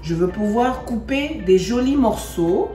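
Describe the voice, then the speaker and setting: A woman's voice: on the high side, lively intonation, measured pace, mellow, roomy sound, soft background music. A woman from Congo giving a cooking demonstration, chatting and rephrasing herself as she works. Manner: chatty, repeats and rephrases while working. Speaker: home cook presenting a recipe.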